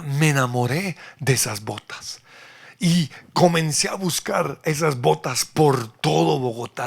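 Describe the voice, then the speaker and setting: A man preaching a sermon as a pastor, slow and emphatic, dropping often into near whispers for effect. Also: fairly high pitch, vocal fry, breathy edge. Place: church.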